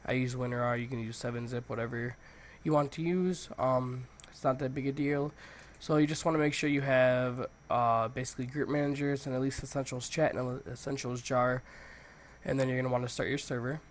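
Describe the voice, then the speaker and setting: Male tutorial host, mid-pitched, congested with a cold, loose and informal delivery. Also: fairly even intonation, brisk, a little hiss or hum. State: congested, stuffy nose from a cold. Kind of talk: casual software tutorial, screen walkthrough.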